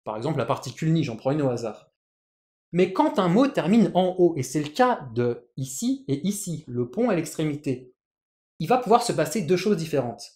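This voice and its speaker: With a sing-song, slightly mellow voice at a middling pitch, a teacher patiently explains a language lesson using written examples at normal speed. Words get repeated and phrases restarted along the way, and the room gives the recording a clear echo.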